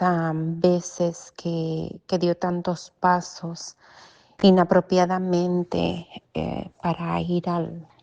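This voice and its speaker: Creaky-voiced woman. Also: on the low side, warm tone. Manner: hesitant, searching for words. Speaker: interview guest. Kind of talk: telling a personal testimony in an interview. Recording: slightly muffled audio.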